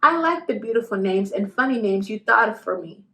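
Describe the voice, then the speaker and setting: A woman voicing a thoughtful, polite and gentle young girl in a children's storybook. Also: medium pitch, expressive, brisk. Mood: resolved.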